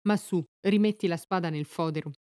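A seductive, cunning goddess, ageless and sure of her charms, as a woman reader voices her. The voice sits low and mellow, pleading and coaxing in formal epic verse. The sound is close and dry. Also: brisk, clean tone, dry recording, lightly acted. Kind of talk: epic poetry read aloud.

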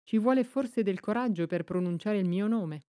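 A woman voicing a serene, wise child empress in an audiobook, speaking softly and gently. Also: medium pitch, normal speed, clear, resonant tone, no room sound, studio quality, natural voice. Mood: gentle. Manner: soft, gentle, quiet.

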